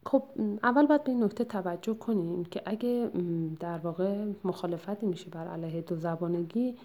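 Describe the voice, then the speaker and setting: A woman lectures her way through a textbook chapter in a low, mellow voice. Her delivery is measured and explanatory, with frequent filler pauses and restarts as she searches for the right phrasing.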